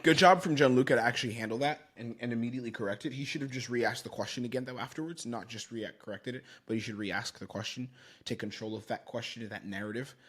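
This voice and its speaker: Man in his thirties, sales coach, rapid coaching commentary, mid-pitched voice. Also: a bit bright, husky. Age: 30s. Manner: quick, coaching, talks in run-on thoughts. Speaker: sales coach reviewing a call. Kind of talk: commentary on a recorded sales call.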